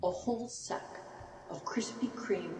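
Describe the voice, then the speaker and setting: A woman slowly listing the foods she wants, her voice given reverb so it sounds like it comes through a loudspeaker. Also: medium pitch, whispered. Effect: added reverb, like a voice through a loudspeaker. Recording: reverberant clip with faint background hum.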